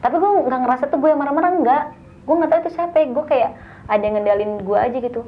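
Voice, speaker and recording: Young woman, animated storyteller. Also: high voice, rapid-fire, phone-quality sound. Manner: animated, acts out the dialogue. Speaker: guest storyteller. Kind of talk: casual storytelling.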